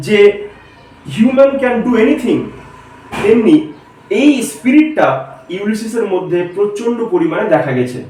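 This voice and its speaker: Man teaching a class, high voice, slow explaining with questions to students, very echoey room, mic far away. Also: a little mellow, slight background noise. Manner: explains slowly and quizzes students. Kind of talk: classroom lecture.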